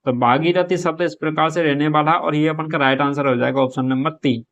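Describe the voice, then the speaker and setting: Male teacher with a slightly high voice, methodical explainer, exam-prep class. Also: steady tone, fairly quick, a bit bright, highs cut off. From Rajasthan. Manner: explains step by step, asks and answers his own questions. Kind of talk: exam prep lesson, solving a model paper.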